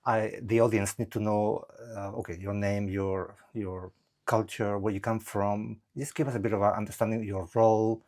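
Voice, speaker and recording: A man hosting a podcast, asking questions in a halting way full of fillers. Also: lowish voice, level tone, darkish tone. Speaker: podcast host. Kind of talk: unscripted podcast conversation.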